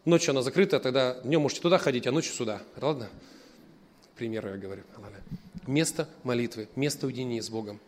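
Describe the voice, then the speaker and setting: Fast-talking male pastor preaching. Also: mid-range voice, slight background noise. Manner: lively storytelling, shifts between loud emphasis and quiet asides. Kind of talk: sermon.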